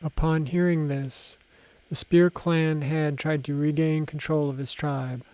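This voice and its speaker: A man narrating a fantasy audiobook in a measured, unhurried reading style. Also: a little high, level tone, darkish tone, dry recording.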